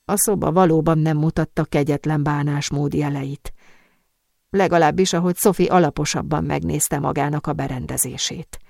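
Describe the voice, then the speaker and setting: Female audiobook narrator, low-ish, steady, very dry studio sound. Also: dry recording. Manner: even, descriptive storytelling. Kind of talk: scripted narration.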